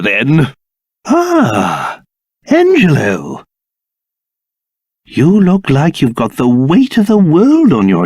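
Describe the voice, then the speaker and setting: A voice actor performs the video game character King Trode, a pompous, fussy old British king turned into a small monster. The high voice swoops wildly in a heavily acted, excitable, exaggerated theatrical delivery, recorded at studio quality with no room sound.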